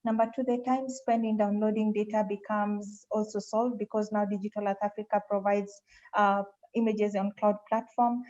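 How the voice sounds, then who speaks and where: A woman giving a webinar pitch presentation over a video call, often repeating phrases as she searches for words. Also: warm tone, highs cut off.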